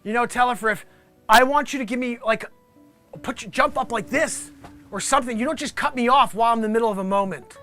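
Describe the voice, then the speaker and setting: Male comic as aggrieved live weather reporter: very high-pitched, forceful edge, exasperated, rambling, music underneath. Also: quick pace. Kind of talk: improvised mock news report, ranting monologue.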